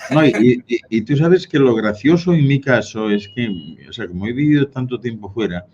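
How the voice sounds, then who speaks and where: A man's voice: mid-range voice, expressive, moderate pace, darkish tone. A man from Spain with a neutral Spanish accent, chatting as a guest and telling anecdotes with laughter. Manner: storytelling, chatty, laughs at his own jokes. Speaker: guest speaker. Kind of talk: casual conversation. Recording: dull lo-fi sound with faint noise.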